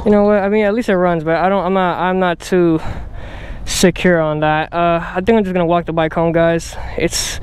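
A man's voice: sits high, fairly even intonation, normal speed, noisy background. A young man vlogging outdoors on a camera mic, swearing and joking at himself while in pain. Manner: swearing, pained and self-mocking. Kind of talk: casual vlog talk to camera.

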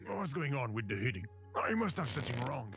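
A flustered grown man muttering to himself, as a performer plays the creator, his voice gravelly with fry and a lively, rising and falling pitch. He talks quietly to himself as things go wrong around him. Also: fairly quick, soft background music.

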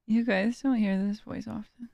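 A young woman streamer chatting casually while drawing, tired and low on energy, soft-spoken and trailing off with small laughs. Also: gravelly, no echo.

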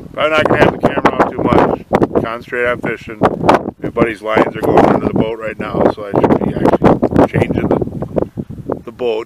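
An older man chatting in a rambling, folksy way while filming a fishing trip on a lake. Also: mid-range voice. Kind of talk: casual outdoor vlog. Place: outdoors on a boat on a lake. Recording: noisy outdoor camera audio, wind and water.

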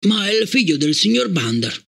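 A man's voice: high-pitched, sing-song, normal speed, creaky, fairly bright tone, slightly rough, pitched above the performer's own voice, full character voice. A man reading an audiobook, voicing an anxious, stammering elderly scholar who pleads breathlessly.

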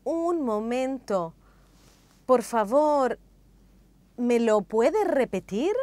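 A woman narrates a scripted language lesson in a slow, careful, explanatory manner. Her voice sits a little high and moves through a lively melody. The recording is dry and close, with no room sound. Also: dry recording.

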